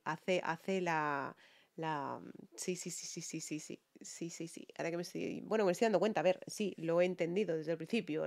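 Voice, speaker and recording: A woman with a Peninsular Spanish accent, a singer giving excited music reaction commentary to her viewers, often repeating words for emphasis. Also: fairly low pitch. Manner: talks to viewers with frequent tag questions.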